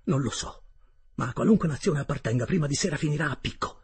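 A man's voice: fairly high pitch, expressive, fast, darkish tone, slightly rough, voice pushed up. Man voicing an earnest, urgent scholar. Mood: resolute.

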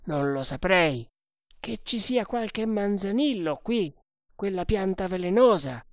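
A woman's voice: mid-range voice, expressive, takes it slowly, no echo, clean studio sound, pitched above the performer's own voice. A woman voicing a drowsy sepoy soldier. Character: drowsy male sepoy soldier, plain-spoken.

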